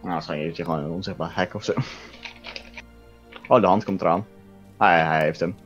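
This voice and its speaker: A man chatting casually while gaming, his voice run through a voice changer that makes it disguised and deep, swearing and reacting loudly to the game. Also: fairly even intonation, moderate pace, dull audio, soft background music. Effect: voice changer making the voice disguised and deep. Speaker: gamer playing with friends.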